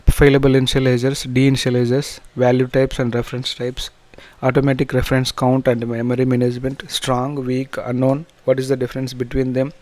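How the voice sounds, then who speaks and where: A man with a Telugu accent teaching an informal programming tutorial, in halting, repetitive phrases with restarts. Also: medium pitch, darkish tone. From south India. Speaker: programming instructor.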